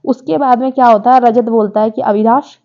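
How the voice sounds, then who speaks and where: A woman's voice: on the high side, steady tone, brisk, highs cut off. A woman giving a chatty, opinionated recap of a reality show, talking straight to her viewers. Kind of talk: casual recap commentary.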